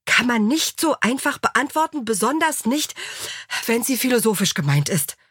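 A woman's voice: mid-range voice, big pitch swings, measured pace, fairly bright tone, no room sound, clean studio sound, voice pushed up. A woman doing a flustered, rambling know-it-all man. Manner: hasty, lecturing ramble.

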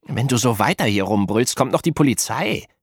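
A man's voice: medium pitch, expressive, normal speed, vocal fry, breathy edge, no echo, clean studio sound. A man voicing a blunt, teasing young street girl with brusque, snappy remarks in an audiobook.

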